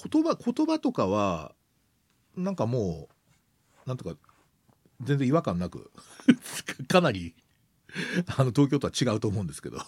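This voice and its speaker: A man's voice: mid-range voice, sing-song, moderate pace, long pauses, a little mellow, breathy edge, no echo. A middle-aged man hosting a casual conversation, laughing often and talking with many fillers. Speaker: host. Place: Tokyo.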